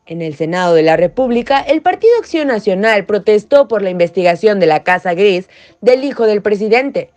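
A woman co-hosting a news podcast, reading headlines and chatting lively with her co-host. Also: mid-range voice, moderate pace, lo-fi sound. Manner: lively, laughs between items. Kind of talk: news read with banter.

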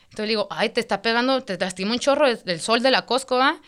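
Woman telling a dating story, slangy, acts out voices, smooth clear voice, a bit high. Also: fast, a bit bright. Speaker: podcast co-host. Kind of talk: casual storytelling chat.

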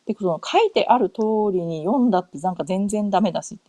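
This middle-aged Japanese podcast host talks fast and expressively in a warm, medium-pitched voice, with no echo. Chatting casually from her home in North America, she rambles with plenty of fillers and keeps correcting herself.

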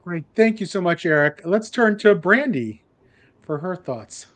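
A man with a slightly high voice acts as moderator. He speaks in the manner of someone steering a panel discussion. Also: expressive, a little slow, fairly bright tone.

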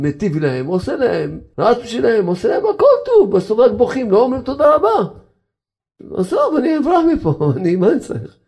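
A man's voice: high-pitched, creaky, darkish tone, husky, voice pushed up, full character voice. A man putting on the voice of God as a weary, exasperated heavenly father during a sermon, pleading and half laughing.

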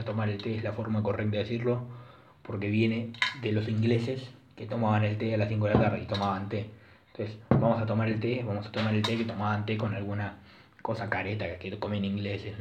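A young man with a Rioplatense Argentine accent rambles through his solo podcast in a low, flat voice, full of crude slang and self-corrections. The recording is dull and lo-fi, with a boomy, echoey room and faint hiss behind him. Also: a little fast. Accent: Rioplatense Spanish. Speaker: podcast host. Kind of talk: casual solo podcast monologue.

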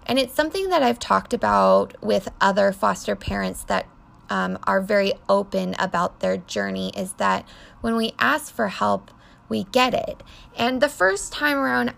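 A woman's voice: medium pitch, big pitch swings, normal speed, vocal fry, fairly bright tone. A woman hosting a podcast, talking through her week as a foster mother in a chatty, unscripted way with lots of ums. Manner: chatty, frequent ums, laughs at herself. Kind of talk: casual podcast monologue.

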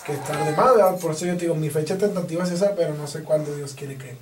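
A man's voice: on the high side, fast talker. Slangy Mexican man in an echoey room. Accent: Mexican Spanish. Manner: relaxed slangy talk, laughs often. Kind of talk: casual interview chat. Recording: echoey room, distant mic, background noise.

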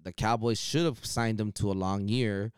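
A man co-hosting a casual sports chat, blunt and animated, with frequent swearing. His voice sits a little low and sounds smooth and resonant. The recording is dry and close. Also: normal speed, no room sound. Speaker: podcast co-host.

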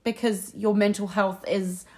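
A woman's voice: medium pitch, little pitch movement, unhurried, a little mellow. A woman with a New Zealand accent, chatting casually as a podcast co-host and adding examples to the conversation.

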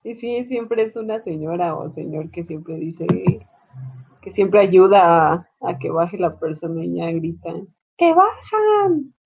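A Mexican woman chatting casually, telling lively stories and acting out shouted bits. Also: on the low side, unhurried, slight background noise. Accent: Mexican Spanish. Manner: animated storyteller, acts out shouted quotes. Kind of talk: casual chat. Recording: phone-like lo-fi line.

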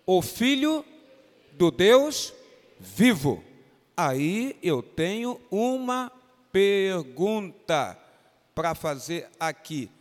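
A man with a Brazilian Portuguese accent, a pastor leading an interactive Bible lesson for children in a church and coaxing them by name to answer. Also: a little high. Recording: reverberant church hall.

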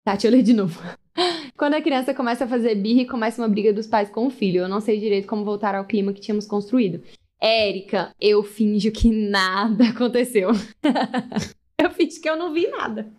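Lively high-voiced woman telling stories. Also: fairly quick. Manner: lively storyteller, acts out dialogue. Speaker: family photographer, guest. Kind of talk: casual live chat.

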